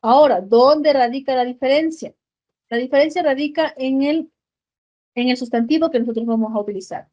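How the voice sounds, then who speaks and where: Brief: Ecuadorian female teacher, high voice, patient explainer, tags "ok?". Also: brisk, dark tone, highs cut off. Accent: Ecuadorian Spanish. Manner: explains in Spanish with English examples, checks with frequent "ok?". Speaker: English teacher. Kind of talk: online class lesson.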